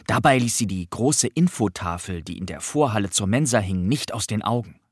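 A man with a fairly low voice reads a children's story aloud. His delivery is steady and clear. The recording is dry and close, with no room echo. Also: normal speed. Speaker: audiobook narrator. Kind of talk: children's book reading.

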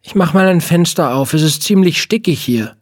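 A man voicing a bossy, know-it-all girl in a read-aloud children's story, speaking in a lecturing, brisk way. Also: a little high, expressive, no room sound, clean studio sound, pitched above the performer's own voice. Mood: chatty.

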